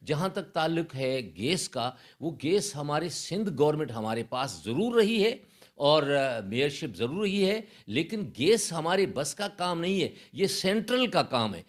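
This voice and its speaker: A man's voice: a little high, big pitch swings. A man speaking as an election candidate in an interview, assured and persuasive. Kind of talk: interview answers.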